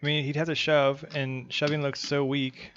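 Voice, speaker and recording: A man's voice: on the high side, little pitch movement, normal speed, fairly bright tone. A man commentating a live poker stream, bantering and joking with viewers between hands. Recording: slightly dull stream audio, faint hiss.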